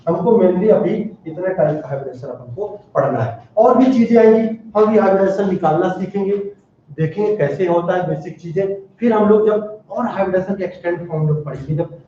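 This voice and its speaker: Guy teaching chemistry class, high voice, mellow tone, super echoey room. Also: brisk, a little hiss or hum. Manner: animated, calls out questions to students. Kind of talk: classroom lecture. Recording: very echoey room, distant dull mic.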